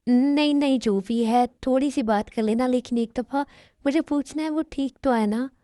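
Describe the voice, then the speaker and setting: A woman's voice: high voice, moderate pace, warm tone, dry recording, studio quality, lightly acted. A woman voicing an anxious, insistent older father in a fan dub. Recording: music in background.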